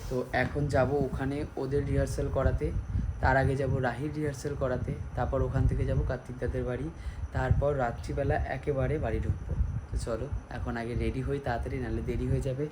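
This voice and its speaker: A man's voice: medium pitch, little pitch movement, a little fast, background noise. A man with a Kolkata Bengali accent, a vlogger and dance teacher, chatting casually in a rambling way and mixing in English phrases. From India. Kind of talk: casual vlog chat.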